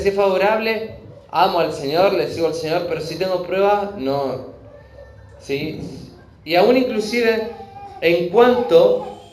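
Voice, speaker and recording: Male preacher, unhurried and earnest, teaching scripture; roomy echo, faint background ambience. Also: high voice, darkish tone, a little hiss or hum. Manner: slow, earnest, checks in with "¿Mm?". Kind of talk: sermon, verse-by-verse Bible teaching. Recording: echoey room with faint ambience.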